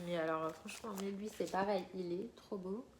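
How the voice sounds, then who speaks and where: A woman's voice: mid-range voice, fairly quick, background noise. Chatty French-speaking woman vlogger. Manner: chatty, rambling, many fillers and restarts. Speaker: coloring book vlogger. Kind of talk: casual chat showing purchases.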